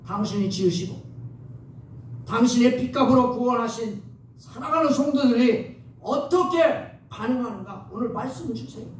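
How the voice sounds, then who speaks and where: A man preaching a sermon as pastor, lively and coaxing his congregation to respond. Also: extremely high pitch, moderate pace. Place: church sanctuary. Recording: echoey church hall from far off, faint noise.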